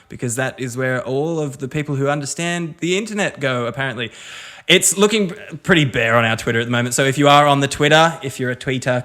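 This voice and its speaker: A man's voice: medium pitch, fairly bright tone. A man co-hosting a casual comedy podcast, running through plugs and contact details with dry little asides. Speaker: podcast co-host.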